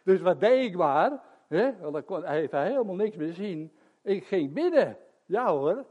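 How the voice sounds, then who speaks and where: A man's voice: high voice, sing-song, measured pace, darkish tone, lo-fi sound. An older man preaching a sermon and telling stories between chuckles. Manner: chatty storytelling with chuckles.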